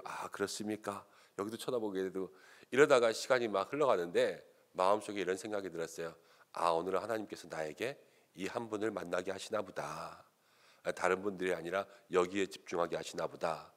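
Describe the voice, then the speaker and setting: A male pastor telling a story in a sermon, acting out the voices of the people in it. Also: low-pitched. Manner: animated, acts out quoted voices of others. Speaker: senior pastor.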